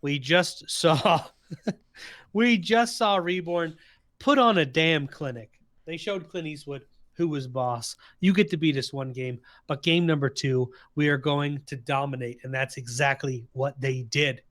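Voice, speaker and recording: Hyped male esports caster, higher voice. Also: measured pace, fairly bright tone. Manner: hyped, teasing banter with co-caster. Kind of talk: live esports commentary.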